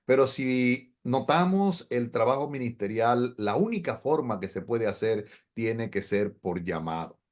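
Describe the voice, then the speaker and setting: A middle-aged pastor from the Dominican Republic shares his testimony in an interview, earnest and reflective. His mid-range voice is animated, moving at a measured pace with few pauses.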